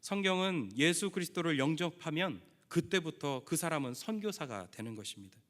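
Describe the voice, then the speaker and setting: A man's voice: fairly high pitch, lively intonation, moderate pace, a bit bright. A middle-aged man preaching a sermon as pastor, earnest, acting out quoted prayers now and then. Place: church sanctuary. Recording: long church reverb.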